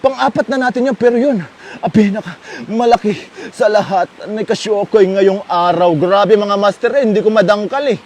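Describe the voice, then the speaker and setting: A man giving chatty, playful live commentary while fishing outdoors by a stream, laughing often and shouting with excitement when a fish bites. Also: high voice, moderate pace. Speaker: fishing livestreamer.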